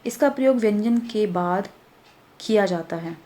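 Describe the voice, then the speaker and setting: A woman's voice: medium pitch, dark tone. Woman teacher explaining grammar patiently. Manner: explains slowly, repeats points, checks with "ठीक है?". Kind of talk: Hindi grammar lesson for children.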